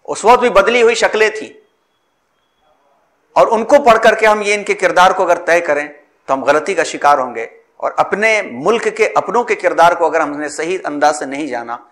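A man giving a formal history lecture in measured, elaborate phrasing, sometimes restarting words mid-sentence. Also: fairly high pitch, fairly bright tone.

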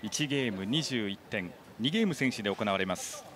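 A man's voice: lowish voice, fairly quick. A man calling a badminton match live and putting questions to his analyst. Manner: lively play-by-play calling, asks the analyst questions. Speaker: play-by-play commentator. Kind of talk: sports commentary. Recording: broadcast over loud arena crowd and noise.

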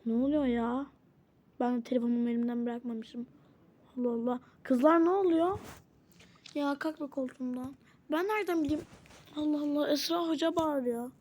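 A woman's voice: sits high, moderate pace, pauses often, a little mellow. A woman casually role-playing a doll game, switching between characters and exclaiming often. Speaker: channel host playing all characters.

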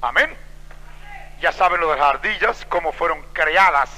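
A man preaching a sermon in a church, telling stories with drama and acting out the voices of the people in them, moving between loud exclamations and hushed low passages. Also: moderate pace. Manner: dramatic storytelling, acts out quoted voices. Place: church sanctuary. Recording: long hall reverb.

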